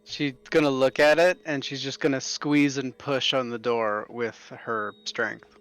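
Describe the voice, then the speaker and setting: A man's voice: mid-range voice, fairly even intonation, a little slow, fairly bright tone, smooth, soft background music. A man playing in a tabletop game, describing his character's actions in an easygoing way. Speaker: player. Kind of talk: casual tabletop role-play.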